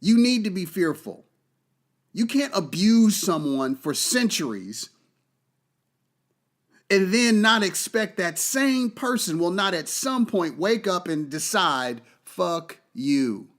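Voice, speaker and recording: A man's voice: high-pitched, very animated, slow pace, fairly bright tone. A man hosting a podcast, delivering an impassioned, profane monologue and repeating key phrases for emphasis. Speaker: podcast host.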